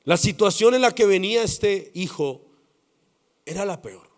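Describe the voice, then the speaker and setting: A man with a Colombian accent preaching a sermon as pastor, dramatic and swinging between loud passages and hushed ones. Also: high voice, expressive, measured pace.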